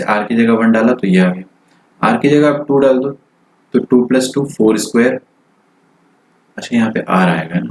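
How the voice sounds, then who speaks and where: A man teaching maths in a live online lecture, working problems out loud in Hindi-English and checking in with students with frequent tag questions. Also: mid-range voice, slight background noise, rough recording. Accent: Indian. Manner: thinks aloud while solving, mixes in English phrases.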